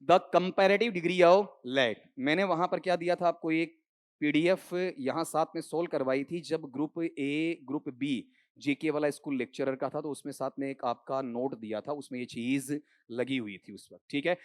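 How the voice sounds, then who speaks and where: A man runs a classroom lesson on English grammar for an exam. He keeps firing questions at his students, repeats the key words, and calls them "sahab" and "beta" as he talks. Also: fairly high pitch. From India. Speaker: English teacher. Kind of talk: exam-prep classroom lecture.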